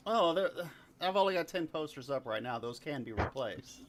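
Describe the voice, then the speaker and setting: A man's voice: medium pitch, lively intonation, moderate pace, a crowd in the background, natural voice. Man playing a stammering, eager bard. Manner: stammering, eager, repeats words. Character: eager young male bard, fast-talking self-promoter.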